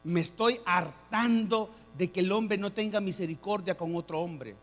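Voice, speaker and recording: A man delivers a sermon in a high, ringing voice. He drives his points home, rising to near shouts. The sound carries a long reverb, as in a large church hall. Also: moderate pace. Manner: preaching with rising, shouted emphasis. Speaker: pastor.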